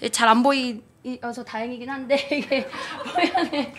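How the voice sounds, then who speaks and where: A woman's voice: sits high, steady tone, moderate pace, fairly bright tone, slight background noise. A woman in her thirties giving a rambling church testimony, with many fillers and restarts. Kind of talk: spontaneous testimony talk. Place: church gathering.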